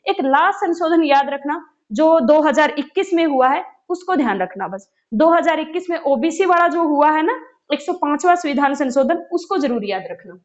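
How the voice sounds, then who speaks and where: A woman's voice: high-pitched, expressive, moderate pace, dull audio. A woman teacher giving casual study guidance, repeating key points and answering her own questions. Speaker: exam-prep teacher.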